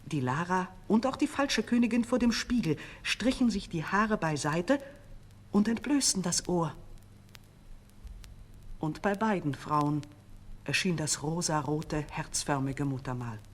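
A woman narrating a fairy tale in an expressive, dramatic storytelling manner. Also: lowish voice, a little slow.

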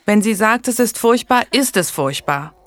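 A woman's voice: mid-range voice, lively intonation, normal speed, pitched above the performer's own voice, lightly acted. A woman reading an audiobook and voicing a resolute, caring noblewoman who speaks firmly and protectively. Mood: indignant. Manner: firm, indignant.

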